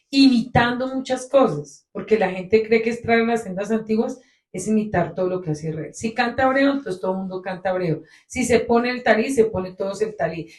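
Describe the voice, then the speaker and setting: A woman preaching to her congregation, her voice sitting at an ordinary middle pitch. She presses her points hard and then drops softer. The room gives her voice a noticeable echo. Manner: emphatic, rises and drops in loudness for stress. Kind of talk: sermon. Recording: echoey room.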